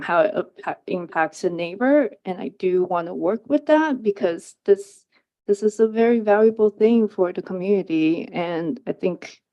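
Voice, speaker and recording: Public testifier, woman, earnest and hesitant, dull lo-fi hearing-room recording. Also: lowish voice. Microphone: table microphone.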